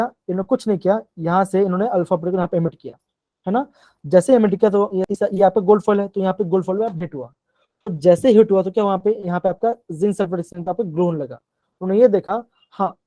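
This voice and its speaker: Teaching a class live online, a man repeatedly asks and re-asks questions and mixes terms into his sentences. He has a high-pitched, mellow voice on a dry recording.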